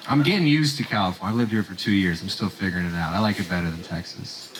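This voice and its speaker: A man from Romania performing a stand-up set on a theater stage, with deadpan jokes and quick voiced asides. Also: low voice, poor audio. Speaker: stand-up comedian. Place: comedy theater stage with live audience. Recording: live stage recording with crowd laughter.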